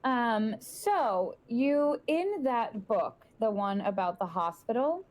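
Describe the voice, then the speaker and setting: A woman's voice: a little high, expressive, slow, darkish tone, low-quality recording. A woman running a tabletop horror game as game master, narrating and reading out found texts with frequent hesitations. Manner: hesitant, many ums and restarts.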